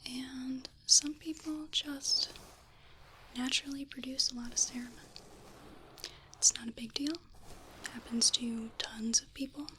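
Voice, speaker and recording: Woman, whispered role-play, soft breathy whisper, very unhurried, gentle clinician manner, noticeable background noise. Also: sits high, fairly even intonation, poor audio. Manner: gentle, unhurried, reassuring explaining. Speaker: ASMR performer playing an ear-exam clinician.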